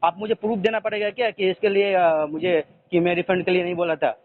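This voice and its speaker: A man's voice: high voice, level tone, brisk. A man calling customer support, frustrated and insistent, repeating himself as he complains. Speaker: customer caller. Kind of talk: phone complaint call. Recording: tinny phone line with faint noise.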